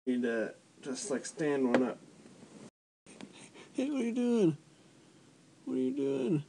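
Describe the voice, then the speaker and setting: Slow, mellow man talking in his sleep. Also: fairly high pitch, big pitch swings, gravelly. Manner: sleep talking, mumbled, disjointed and repetitive. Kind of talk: unconscious sleep talk. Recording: noisy home recording with clicks.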